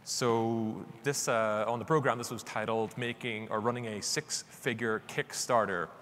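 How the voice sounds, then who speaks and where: A middle-aged author from Northern Ireland gives an informal live presentation on a large indoor conference stage, conversational and self-deprecating. His mid-range voice is fairly bright, fairly even in intonation, and unhurried. The recording picks up a reverberant hall with background noise.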